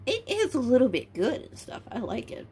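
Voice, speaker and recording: A woman's voice: a little high, huge pitch swings, fairly quick, warm tone, a little hiss or hum. A young adult woman talking casually to her viewers as a vlogger. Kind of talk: casual chat to camera. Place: small bedroom, indoors.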